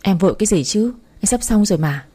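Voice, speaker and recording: A woman's voice: mid-range voice, animated, quick pace, dark tone, husky. A woman voicing a cowardly cheating husband in a story reading, meek and pleading. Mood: evasive.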